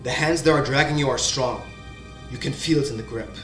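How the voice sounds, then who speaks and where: Halting man narrating a tabletop game. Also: mid-range voice, fairly bright tone. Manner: slow, halting, with many restarts. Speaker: game master. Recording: roomy sound, faint background music.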